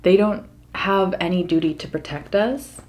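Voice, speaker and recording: Low-pitched American woman, earnest and emphatic. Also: moderate pace, darkish tone. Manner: earnest, emphatic, swears casually. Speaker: mukbang vlogger. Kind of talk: casual opinion monologue to the audience.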